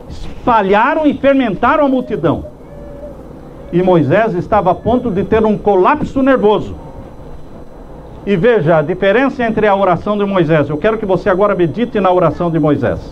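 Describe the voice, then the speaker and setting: A man with a high voice preaches a sermon, slowly and with emphatic pauses, acting out heartfelt prayers. The recording sounds dull and lo-fi, with faint noise behind him. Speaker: pastor.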